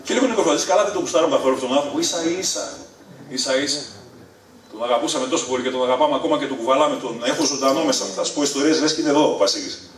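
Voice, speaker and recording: A middle-aged man from Thessaloniki, Greece, telling funny family stories live on stage, animated and leaping to a high excited pitch at punchlines. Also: recorded from a distance. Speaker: stand-up storyteller. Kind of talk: live stand-up storytelling. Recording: echoey room, voice from afar.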